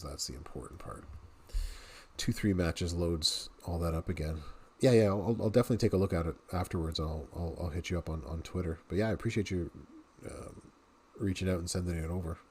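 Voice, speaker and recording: A man's voice: low voice, normal speed, a little mellow, slight background noise. A man in his thirties, a game streamer, chatting casually to viewers and laughing often as he plays. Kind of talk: casual gameplay commentary.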